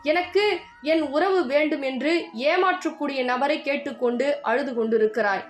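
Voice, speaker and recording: High-voiced woman giving devotional counsel. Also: lively intonation, normal speed, a little hiss or hum. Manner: earnest, scolding and pleading, addresses listener as dear child. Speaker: devotional speaker. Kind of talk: devotional message in the goddess's voice.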